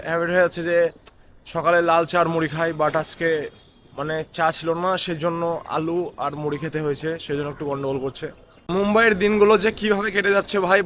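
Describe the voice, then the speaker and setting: Outdoors among busy streets and a building site, with noise from both in the background, a Bengali-accented construction site labour supervisor chats casually to camera for his vlog. He has a cold and a voice on the high side, a bit bright, and he rambles and repeats phrases.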